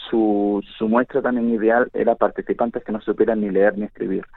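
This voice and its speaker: A man being interviewed on the radio as a linguist, explaining in a halting way with frequent restarts. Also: fairly low pitch, fairly even intonation, no room sound. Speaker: linguist guest. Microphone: telephone. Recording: tinny phone line into a radio studio.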